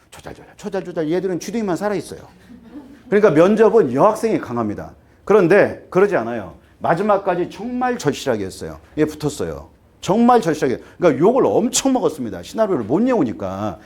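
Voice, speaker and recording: A man in his fifties, an academy teacher, briefing parents in a lively lecture, firing rhetorical questions and getting worked up until he trips over his words. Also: on the high side, quick pace, slightly rough. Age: 50s. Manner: animated, rhetorical questions, acts out students and parents.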